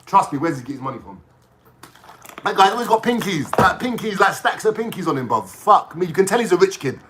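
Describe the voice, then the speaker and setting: A man's voice: sits high, sing-song, quick pace, fairly bright tone, slight background noise. A young man, ranting to camera in a mocking, slangy way, swearing a lot. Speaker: vlogger.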